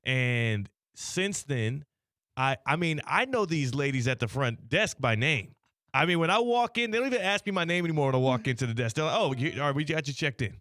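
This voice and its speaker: A man's voice: fairly high pitch, expressive, a little fast, fairly bright tone, no room sound, studio quality. An American man hosting casual radio chat, his speech a little slurred, with a mouth half numb from the dentist. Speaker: sports radio show host. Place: radio studio.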